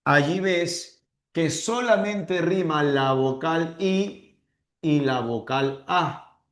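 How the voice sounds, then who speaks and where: Slow-talking teacher in an echoey room. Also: male voice, on the high side. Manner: slow, stretched-out dictation of verses, mimics confused students. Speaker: literature teacher. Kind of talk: online class lecture.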